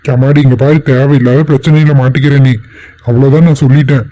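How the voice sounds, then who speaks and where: Man voicing a cold, dismissive cartoon bystander, low mellow tone, brushing people off. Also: fairly even intonation, fast talker, natural voice, rough recording. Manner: dismissive, curt. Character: callous man leaving an injured stranger.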